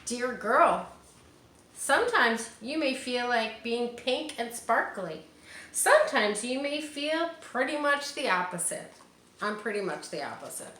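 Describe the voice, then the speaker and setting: A woman with a slightly high, sing-song voice and a fairly bright tone reads a picture book to children at an unhurried pace. She talks to them directly, cheering them on and adding casual side comments. The room has a noticeable echo and a little background noise.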